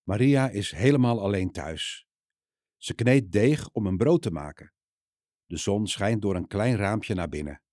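Male reader for a children's Bible story; low, mellow voice and an unhurried, gentle delivery. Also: lively intonation, dry recording, clean studio sound. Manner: slow, gentle, addressing children directly.

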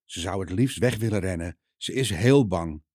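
Male reader for a children's Bible story; low, mellow voice and an unhurried, gentle delivery. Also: expressive, no echo, studio quality. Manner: slow, gentle, addressing children directly.

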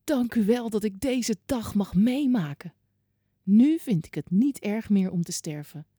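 Storybook part: a soft-spoken old man, read by a woman, mellow and dry. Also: mid-range voice, expressive, a little slow, breathy edge, no room sound. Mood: gentle. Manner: gentle, polite, softly spoken. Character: devout old man, gentle and moved. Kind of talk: children's Bible story reading.

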